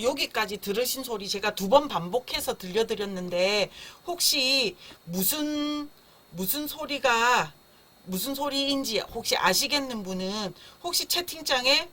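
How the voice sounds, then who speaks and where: A woman's voice: a little high, sharp tone, slight background noise. A woman teaching a live online parenting class in a friendly, explanatory way, at times imitating the sound of a baby crying. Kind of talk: live-streamed online lecture. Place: indoor room, streaming live.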